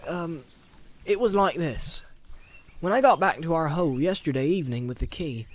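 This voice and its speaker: A man's voice: fairly high pitch, lively intonation, normal speed, voice pushed up, lightly acted. Sam, a man doing a rustic humble hobbit. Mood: flustered. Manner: rustic, deferential. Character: loyal male hobbit servant, humble and earnest.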